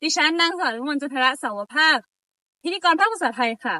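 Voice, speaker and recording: Young female event host, brisk and bright, dry close sound. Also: high-pitched, animated, no room sound. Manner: polite, with fillers while reading booth details. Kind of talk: scripted event announcing.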